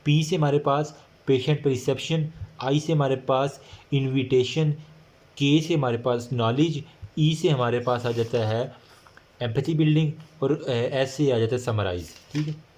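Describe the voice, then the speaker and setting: A man giving a casual recorded lecture, reading English points slowly and explaining them in chatty Hindi-with many fillers. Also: medium pitch, a little mellow.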